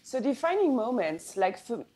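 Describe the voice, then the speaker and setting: A young French woman, a branding coach, chats upbeatly as a guest on a podcast interview, peppering her speech with "like." She has a French accent and a fairly high, sing-song voice that's a little mellow, at a moderate pace.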